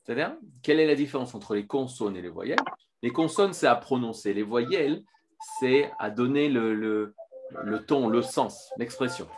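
A man teaching a filmed Torah lesson, lively, with many restarts and fillers. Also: mid-range voice, moderate pace, noisy background.

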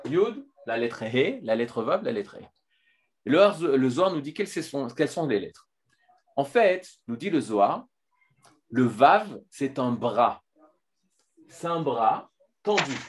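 Guy giving a torah lesson on camera, lively, lots of euh and restarts. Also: mid-range voice, a little slow. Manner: lively, with many restarts and filler sounds. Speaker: Torah teacher.

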